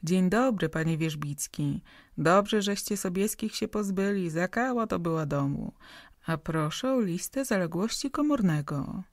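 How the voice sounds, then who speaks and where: A woman voicing a brisk, kindly young lady who manages tenants in an audiobook, firm but friendly. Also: lowish voice, expressive, dry recording, studio quality.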